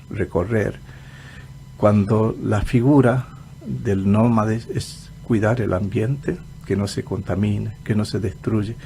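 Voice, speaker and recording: Earnest radio guest, man, gravelly, dark low tone. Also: a little hiss or hum. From Argentina. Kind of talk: reflective radio interview.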